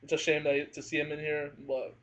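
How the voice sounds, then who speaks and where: Speaking a little fast in a fairly high, monotone voice with a fairly bright tone, a man reviews a movie casually at home near his family. He is hesitant and hedges a lot, filling gaps with fillers, over slight background noise on a dull lo-fi home recording.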